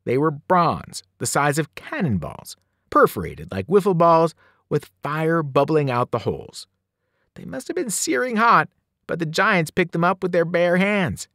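A man, a teacher, reading a novel aloud in an animated storytelling voice, rising and falling with the action. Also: a little slow, no room sound, studio quality. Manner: animated storytelling, shifting pitch and loudness with the action. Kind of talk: expressive read-aloud narration.

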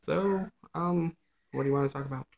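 A man's voice: on the high side, brisk, vocal fry, a little mellow. Young guy doing an off the cuff vlog on a selfie stick, just chatting. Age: young adult. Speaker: vlog host. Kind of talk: casual chat on the fly. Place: small dim room indoors. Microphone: phone on a selfie stick at arm's length.

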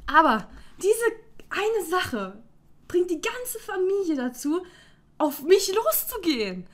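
A woman's voice: extremely high pitch, very animated, slow pace. A young woman in her twenties venting to her viewers in a casual, heated vlog rant. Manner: heated, exasperated ranting; talks directly to viewers. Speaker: YouTuber.

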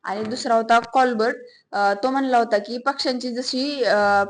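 A young woman recites a lesson aloud in a classroom, her voice sitting a little high. She pauses often on fillers as she works through what she has learned. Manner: hesitant, many fillers. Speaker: student.

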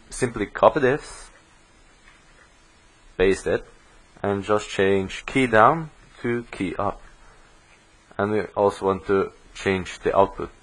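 A man talks through code for a programming course, explaining each step as he types. He speaks very slowly in a lowish voice. The audio quality is poor. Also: a bit bright. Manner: slow, step-by-step explaining while typing code. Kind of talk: screen-recorded coding tutorial.

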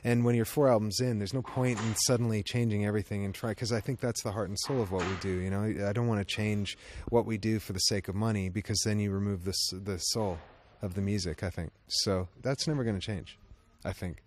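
A man's voice: fairly low pitch, fairly even intonation, a little fast, few pauses. A man in a band answering interview questions backstage, thoughtful and restarting his sentences often. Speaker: band member.

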